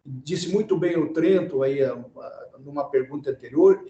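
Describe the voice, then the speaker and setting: A man's voice: a little high, unhurried, mellow, lo-fi sound. A man born in Italy answering in a panel discussion, wordy, rephrasing and adding tag questions. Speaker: panel guest. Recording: echoey room sound.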